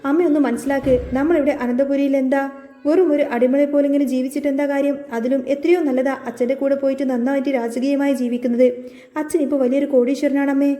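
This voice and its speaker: A woman reading the lines of a young adult son in a spoken story retelling, speaking calmly but firmly. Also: high-pitched, fast talker, natural voice. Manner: calm, firm. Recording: echoey room.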